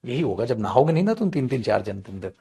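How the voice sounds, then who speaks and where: A man teaching English grammar in an online class. He teases and coaxes his students, calls them "beta" and "chhutku", acts out their questions and drags key phrases out slowly for emphasis. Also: medium pitch, gravelly. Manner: lively, teasing, addresses students as beta and chhutku.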